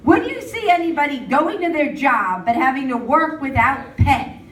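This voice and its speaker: A woman doing a stand-up comedy set at an open mic in a pub, animated and mocking as she talks. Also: high voice, moderate pace. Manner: animated, mocking voices of others. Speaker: stand-up comic. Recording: roomy pub sound from far off.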